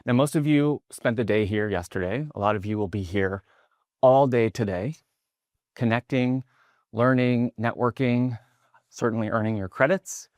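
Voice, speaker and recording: A man in his thirties from the New York area, giving a motivational keynote in a large conference hall as an energetic storyteller whose voice rises when he gets excited. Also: medium pitch, normal speed. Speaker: keynote speaker.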